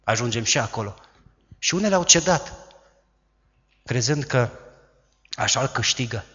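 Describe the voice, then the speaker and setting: A man preaching a sermon, who acts out quoted voices loudly and dramatically. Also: mid-range voice, animated, lo-fi sound. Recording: long hall reverb.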